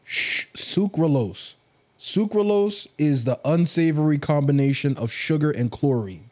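A man's voice: fairly high pitch, lively intonation, a little slow, a little mellow. A young man in casual banter with a friend, rambling and teasing as he talks.

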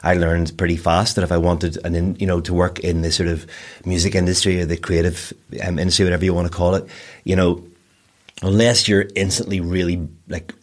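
A Northern Irish broadcaster and DJ in his forties chats as a guest in a casual interview, rambling and self-deprecating, with frequent restarts. His voice is low and brisk, with little pitch movement.

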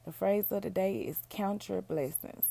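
Female solo podcaster, hoarse and gravelly, mellow delivery, down-home casual chat. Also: medium pitch, normal speed, dry recording. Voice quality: raspy. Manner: down-home, addresses listeners as y'all and baby. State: hoarse, feeling unwell. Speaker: podcast host, book reviewer.

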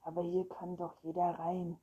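A woman's voice: lowish voice, monotone, normal speed, dark tone, husky, dull audio. A woman reading a storybook, voicing a timid, easily frightened schoolboy. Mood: alarmed. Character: timid, anxious human schoolboy.

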